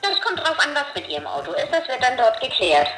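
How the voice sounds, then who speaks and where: Brief: woman call-center agent on a phone line, high and quick, businesslike, music behind. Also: big pitch swings, a bit bright. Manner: businesslike and patient, explaining terms. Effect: heard over the phone line. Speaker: roadside assistance club call-center agent.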